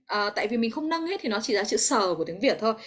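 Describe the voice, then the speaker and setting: A woman's voice: on the high side, very animated, very fast. A woman English teacher with a Vietnamese accent, teaching an online class over a video call, explaining patiently and encouraging her students.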